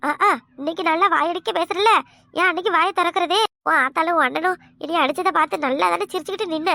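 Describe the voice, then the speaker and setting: A woman's voice: very high voice, fast talker, vocal fry, pushed and bright, no room sound, studio quality, heavily acted. A woman voicing a harsh older village mother-in-law with a Kanyakumari Tamil accent, scolding and insulting in a cartoon comedy.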